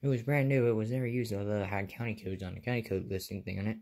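Filming on a handheld phone from behind the camera in a small carpeted bedroom, a young American hobbyist video maker gives a casual show-and-tell in brief, offhand phrases. His voice is lowish, steady and a little mellow, delivered rapid-fire.

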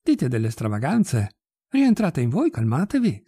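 A man's voice: mid-range voice, wildly swooping pitch, unhurried, warm tone, breathy edge, no room sound, clean studio sound, exaggerated voice. A man voicing a gushing pious society lady. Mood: shocked. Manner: effusive and fussy, turning cold and solemn.

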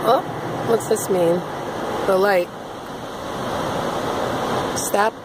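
A woman's voice: mid-range voice, fairly even intonation, very slow. An older woman chatting casually to her grandchildren from inside a car going through a car wash, playful and full of exclamations. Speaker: grandmother filming a home video. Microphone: handheld phone or camera. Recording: loud car wash machinery noise.

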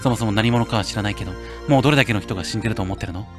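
A male game streamer playing a horror game, reading the story text softly and breaking into loud, excited outbursts between lines. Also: lowish voice, racing, over music. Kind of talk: horror game playthrough, reading dialogue aloud with commentary.

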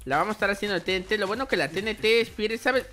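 Speaking rapid-fire in a high-sitting, bright voice with a lively edge, this young man hosts a gaming channel and keeps the commentary casual. Playful and talkative, he frequently turns to address his audience, with soft music underneath.

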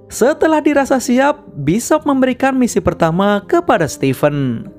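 Woman narrator for a film recap, animated intonation, faint music bed. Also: on the high side, moderate pace. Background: background music.

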